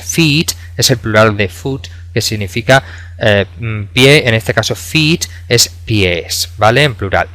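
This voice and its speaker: A man in his thirties teaching English pronunciation in a video lesson, explaining patiently with many pauses and fillers. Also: medium pitch, a bit bright, no room sound. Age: 30s. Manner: explanatory, hesitant with frequent fillers.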